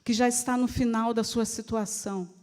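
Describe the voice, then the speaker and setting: Woman preacher, Brazilian Portuguese accent, high voice, pleading and emotional, reverberant church hall. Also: fairly even intonation, normal speed, a little mellow. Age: middle-aged. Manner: emotional, pleading, repeats phrases for emphasis. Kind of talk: sermon.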